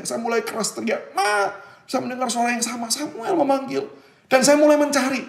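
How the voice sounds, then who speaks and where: A man's voice: extremely high pitch, echoey room. A man giving a sermon, telling a childhood story and acting out the voices in it. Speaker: preacher. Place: church hall.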